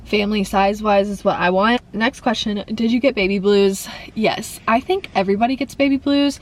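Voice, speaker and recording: A woman's voice: mid-range voice, fairly even intonation, moderate pace. A young woman vlogger talking through viewer questions in a chatty, rambling way, a little congested. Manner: rambling, fills with "like" and "um". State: slightly congested. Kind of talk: chatty Q&A vlog.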